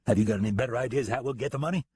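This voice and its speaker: A man's voice: mid-range voice, racing, dark tone, breathy edge, dry recording, lightly acted. A man voicing a cocky, short-tempered outlaw in an audiobook reading. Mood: scheming. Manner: snapping, cocky.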